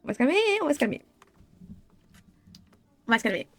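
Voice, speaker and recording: A young woman reading game dialogue aloud and reacting excitably, often swearing and restarting lines. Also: on the high side, fairly quick, gravelly. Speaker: gamer. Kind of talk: playing a visual novel aloud.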